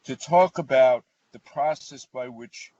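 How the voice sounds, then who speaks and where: A man's voice: medium pitch, unhurried, dark tone, recorded from a distance. A man gives a webinar presentation over a video call, but his corrupted audio keeps glitching and cutting out, so his speech arrives in broken fragments. He sounds set back from the microphone, and the line is dull and lo-fi.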